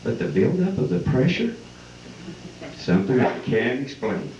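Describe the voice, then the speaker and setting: A man's voice: medium pitch, very animated, measured pace, darkish tone. Folksy cowboy drawl, man, echoey distant recording. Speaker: event host and cowboy poet. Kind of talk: folksy live comic poem recital and announcing. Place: live benefit event before an audience. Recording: distant, echoey, muffled live hall with noise.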